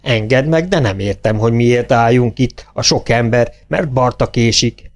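A man's voice: medium pitch, faint music behind, close to an everyday voice. A man voicing a fussy male comic actor who speaks slightly nervously, as he does on stage.

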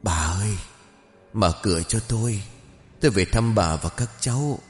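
A man voicing a ghost posing as a dead old husband, coaxing softly. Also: fairly low pitch, lively intonation, normal speed, long reverb tail, soft background music, lightly acted.

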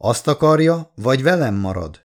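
A stubborn ship captain, played by a male audiobook reader, firm and dry. He states his mind flatly and gives no ground. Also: mid-range voice, voice pushed up, close to an everyday voice. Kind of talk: audiobook character voice.

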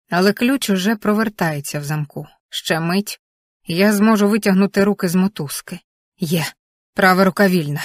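A woman reads a first-person thriller aloud, tense and vivid, with her pitch sitting in an ordinary middle range. The sound is dry and close, with no room echo. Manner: tense, vivid present-tense narration. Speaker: audiobook narrator. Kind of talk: first-person dramatic story reading.

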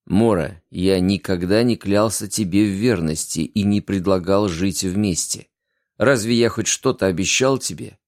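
A man playing a weary grown man who answers slowly and sullenly. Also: sits low, darkish tone, no room sound, studio quality. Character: weary grown man, town protector, calm lover.

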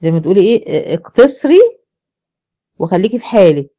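A woman's voice: medium pitch, a little fast, dark tone, dull audio. An Egyptian woman teaching Quran recitation, explaining step by step and asking the class questions that she answers herself. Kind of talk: classroom lesson.

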